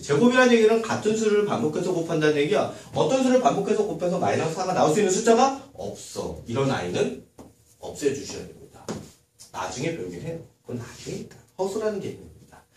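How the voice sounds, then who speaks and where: Male math teacher, animated classroom delivery with constant rhetorical questions; distant mic, room echo. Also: high-pitched. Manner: lively, asks many rhetorical questions. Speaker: middle school math teacher. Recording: echoey room, far from mic, faint noise.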